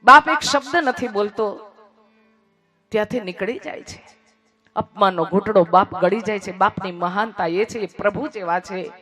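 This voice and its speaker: Dramatic storyteller, hushed then raised. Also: mid-range voice, normal speed, faint music behind. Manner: repeats phrases for emphasis. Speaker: moral storyteller. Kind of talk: emotional devotional storytelling.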